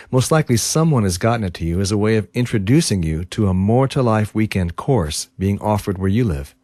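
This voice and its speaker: A man giving a friendly, measured scripted narration introducing a program. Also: lowish voice, warm tone, no room sound.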